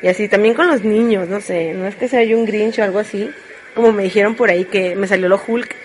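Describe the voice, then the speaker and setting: A woman's voice: medium pitch, steady tone, fast, slight background noise. A woman with a Mexican accent chatting casually and frankly to live viewers, joking as she rambles through her confessions. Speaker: streamer.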